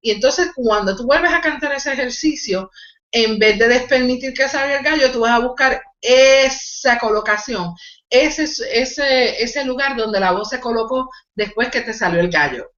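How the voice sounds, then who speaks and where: A woman's voice: a little high, moderate pace, a bit bright, echoey room, highs cut off. A woman vocal coach teaching a live online singing lesson, explaining technique and demonstrating nasal exercises. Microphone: video call.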